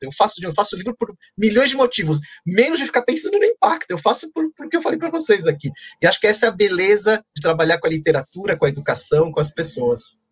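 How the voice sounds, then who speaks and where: A man telling stories with a slightly husky edge to his voice. His pitch swings widely as he goes, animated and playful. He is a children's author chatting in a conversation. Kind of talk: storytelling in a conversation.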